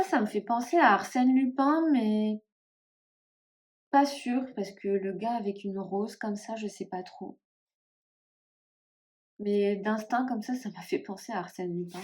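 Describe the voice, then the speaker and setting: A woman with a northern French accent chatting casually to camera about tarot decks, often pausing and trailing off as she searches for names. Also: medium pitch, a little mellow. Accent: northern French (Ch'ti). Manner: hesitant, musing, many fillers and trailing off. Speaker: tarot vlogger.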